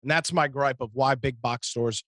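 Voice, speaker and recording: A man's voice: medium pitch, fairly even intonation, moderate pace, fairly bright tone, dry recording. American man, close and dry sound. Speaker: co-host of a computer talk show. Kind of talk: casual anecdotal talk.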